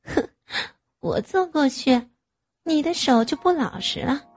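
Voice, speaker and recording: A woman's voice: sits high, lively intonation, a little slow, soft background music, voice pushed up. A woman voicing a playful young adult younger sister with a coy, whiny teasing tone.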